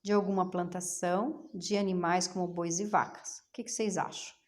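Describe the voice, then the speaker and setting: A woman's voice: lowish voice, steady tone, moderate pace, a little mellow. A middle-aged woman teacher from Brazil, patiently explaining homework to young pupils and asking them questions to coax answers. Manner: patient, coaxing, asks rhetorical questions. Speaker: schoolteacher.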